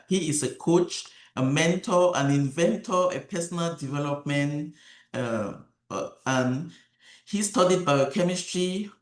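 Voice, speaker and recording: A man moderating an online panel, upbeat and quick to give thanks over a video call. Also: fairly high pitch. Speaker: webinar moderator. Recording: roomy echoey sound.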